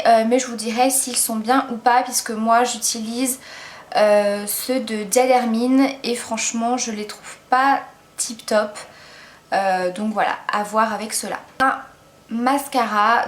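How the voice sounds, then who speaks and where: A woman's voice: fairly high pitch, a little hiss or hum. A woman giving a casual makeup product review as a beauty vlogger, chatty and enthusiastic, with lots of hesitant fillers. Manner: enthusiastic, gushing about products.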